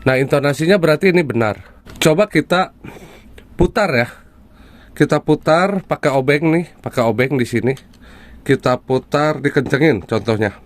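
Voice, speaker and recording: A man's voice: a little high, normal speed, long pauses, dry recording. A man casually explaining a guitar topic to viewers, with frequent fillers and a conversational, hands-on manner. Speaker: guitar tutor.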